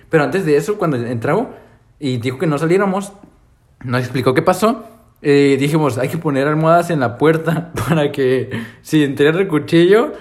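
A man's voice: fairly high pitch, a little mellow. A young man with a Mexican Spanish accent, telling stories in slangy casual chat and laughing often.

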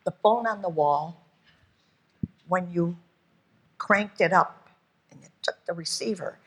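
A woman's voice: on the low side, slow pace. A ninety-one-year-old woman speaking plainly as a guest on a panel discussion. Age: 90s.

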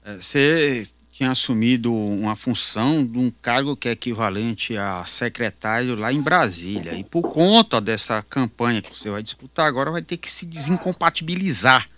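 A man's voice: medium pitch, animated, normal speed, few pauses, fairly bright tone. A man, a radio journalist building up long, hesitant questions in a live interview.

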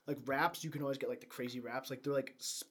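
A man's voice: mid-range voice, steady tone, quick pace, a bit bright, husky. A man co-hosting a podcast in casual chat, rambling and restarting with lots of fillers. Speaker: podcast co-host.

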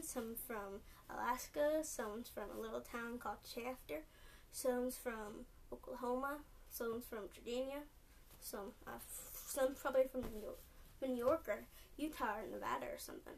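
Young woman, Californian accent, podcast host; casual rambling, fillers everywhere, slightly high voice, distant mic. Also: normal speed, vocal fry. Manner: rambling, lots of "like" and "um", restarts often. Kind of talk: rambling solo podcast chat. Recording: distant mic with faint noise.

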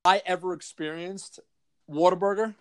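A man's voice: sits high, fairly even intonation, fairly bright tone. A man with a Long Island accent, co-hosting a podcast in a casual, jokey chat. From Long Island, New York. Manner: chatty, jokey, quick restarts. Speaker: podcast co-host.

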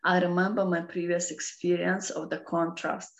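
A woman with a Russian accent explaining philosophical ideas off the cuff in halting non-native English. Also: lowish voice, level tone, vocal fry. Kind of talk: unscripted philosophical explanation in conversation. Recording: roomy, echoing sound.

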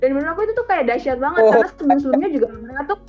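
A woman's voice: sits high, expressive, very fast, a little mellow. A teenage girl giving a church testimony in an earnest, chatty way, full of filler tags. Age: teens. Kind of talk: church testimony, casual storytelling. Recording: muffled lo-fi audio with faint music.

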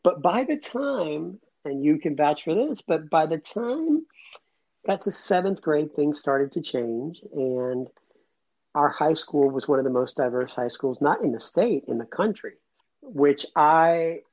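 A man's voice: on the high side, animated, slow pace, a little mellow. Earnest rambling man on dull audio. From Cuba, raised near Atlanta. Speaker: guest, immigration lawyer. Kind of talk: casual interview chat.

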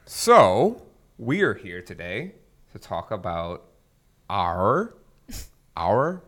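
A man's voice: on the low side, huge pitch swings, slow, a bit bright. A man co-hosting a casual fitness podcast, joking and upbeat as he leads the segments. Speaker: podcast co-host.

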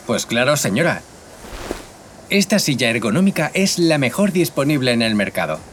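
A man's voice: mid-range voice, very animated, moderate pace, fairly bright tone, a little hiss or hum. A man acting as a courteous shop salesman in a scripted learner dialogue, speaking in a formal sales manner. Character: polite adult male shop salesman.

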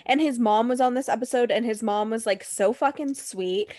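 A young woman trading blunt, profane gossip about reality TV in a loose, casual way. Her voice sits a little high. The sound is dry and close, with no room around it. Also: moderate pace, darkish tone, dry recording. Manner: blunt, profane, mocking impressions.

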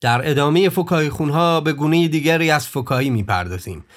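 A man narrating a documentary podcast in a measured, informative scripted tone. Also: a little high, lively intonation, over loud music.

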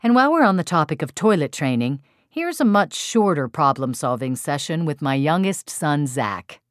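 A middle-aged woman reads her own parenting audiobook with wry, self-deprecating humor. Her voice is low but moves widely in pitch. The sound is dry and close, as from a studio mic. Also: very animated, moderate pace, dry recording. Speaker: author and mother. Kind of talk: audiobook narration.

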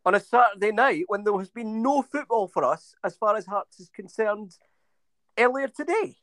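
A man's voice: high voice, lively intonation, normal speed, fairly bright tone, no room sound. A man co-hosting a football podcast in casual chat, hesitant with many fillers and restarts. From England. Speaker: podcast co-host.

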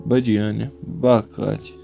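A man's voice: lowish voice, little pitch movement, slow pace, gravelly, dark tone, faint music behind. A man in casual chat, teasing and joking.

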